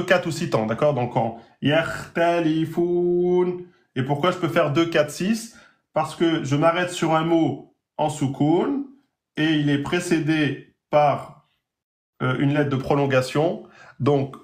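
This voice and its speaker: A man teaching the Arabic alphabet in a live online lesson, drawing out each example word slowly. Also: fairly high pitch, echoey room. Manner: slow drawn-out pronunciation of example words.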